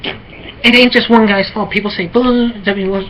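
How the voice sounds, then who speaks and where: An American woman talking alone in a halting, repetitive, rambling way, with many fillers and restarts. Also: mid-range voice, steady tone, a bit bright. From United States. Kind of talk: rambling solo monologue. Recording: muffled lo-fi with faint noise.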